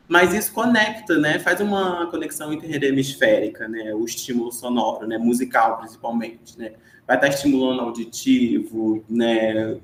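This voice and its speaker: A man's voice: a little high, fairly bright tone, echoey room, a little hiss or hum. A man with a Brazilian Portuguese accent giving an explanatory online lesson, chatty and full of tag questions. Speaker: teacher giving an online class.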